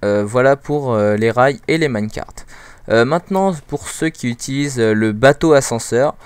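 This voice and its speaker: Guy talking over his game footage, lots of um's, smooth clear voice, dry close sound. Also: mid-range voice, normal speed, dry recording. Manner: hesitant, full of "euh" fillers; chatty and informal. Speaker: gaming video host. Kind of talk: casual game walkthrough commentary.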